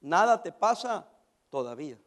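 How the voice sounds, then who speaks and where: A man's voice: high-pitched, sing-song, moderate pace. A male pastor preaching an emphatic sermon, asking the congregation questions and dropping in English phrases.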